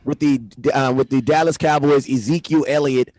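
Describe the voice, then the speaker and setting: A man hosting a casual livestream in laid-back, slangy banter. His voice comes through a computer mic with the gain pushed too high, so it sounds fuzzy and distorted. The sound is dry, with no room around it. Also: steady tone, fairly quick, a little mellow, dry recording. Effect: distorted, overdriven mic with fuzz. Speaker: livestream host.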